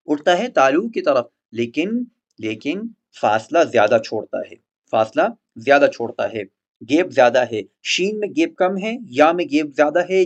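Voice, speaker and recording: A man teaching the articulation of letters for Quran recitation, patient and methodical, repeating example words slowly. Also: medium pitch, highs cut off. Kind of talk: explaining letter articulation in a recorded lesson.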